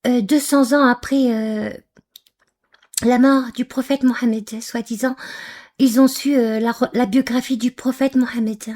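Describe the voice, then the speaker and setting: A woman's voice: on the high side, steady tone, measured pace, a little mellow. A woman from Algeria giving angry, scornful reaction commentary on a video, with frequent hesitations. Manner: scornful, insulting, hesitant with many fillers.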